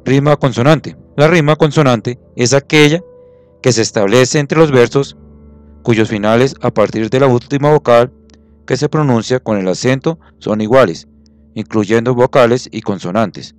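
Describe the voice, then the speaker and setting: A man's voice: mid-range voice, normal speed, smooth, soft background music. A man teaching a classroom lesson, patient, counting syllables aloud and checking that students follow.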